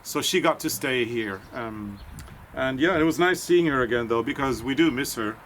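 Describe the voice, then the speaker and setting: A man's voice: medium pitch, lively intonation, normal speed, a bit bright. Man, podcast co-host, casual meandering talk, faint noise behind. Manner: chatty, meandering, with many fillers and restarts. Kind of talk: casual chat.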